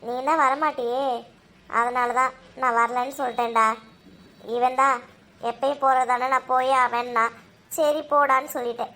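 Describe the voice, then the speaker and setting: A woman's voice: high-pitched, fairly even intonation, normal speed, long pauses, pushed and bright. A woman voicing a patient mother who explains things to her children in a cartoon. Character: patient mother of two kids.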